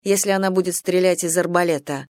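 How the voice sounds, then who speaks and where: A woman's voice: fairly low pitch, fairly even intonation, fast, a little mellow, natural voice. A blunt young woman soldier, as an audiobook narrator reads her, plain and matter-of-fact. The reading is dry and close, with no room echo.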